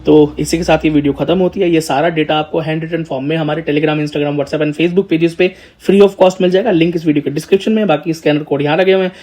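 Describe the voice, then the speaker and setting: A man talks students through the details in a loose, chatty way. His voice sits a little high for a man. He keeps the tone informal, addressing his listeners as brother or child. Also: steady tone, fast, hardly any pauses, a little mellow. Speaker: educator, channel host. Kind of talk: casual explanatory talk to students.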